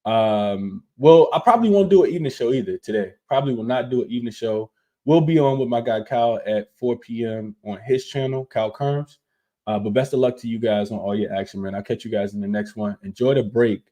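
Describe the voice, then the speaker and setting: A man who's losing his voice hosts a casual sports betting show, walking viewers through his picks with lots of fillers, repeated words and quick asides. His voice is mid-range and mellow.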